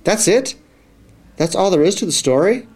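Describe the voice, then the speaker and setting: A man voicing a jumpy, impatient young child in a storybook reading, in a raised pitch. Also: moderate pace. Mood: excited. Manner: high, excited outbursts.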